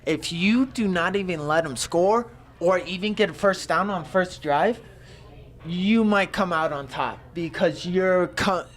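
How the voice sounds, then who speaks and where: A man doing excitable, rambling color commentation on a football game. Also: high-pitched, a little slow. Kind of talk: live sports commentary.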